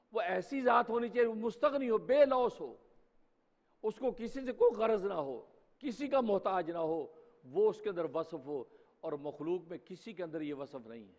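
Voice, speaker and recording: A man's voice: high voice, animated. A man preaching a Friday sermon in a mosque, speaking emphatically and posing rhetorical questions. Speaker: preacher, mufti. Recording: dull sound with long hall reverb.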